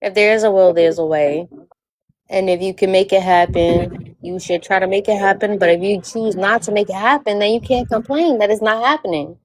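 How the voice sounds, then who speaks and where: A woman's voice: medium pitch, moderate pace, darkish tone, no room sound, rough recording. A woman born in Puerto Rico speaks earnestly as a panel guest, pressing her point and repeating herself when she cuts in. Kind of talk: casual panel discussion.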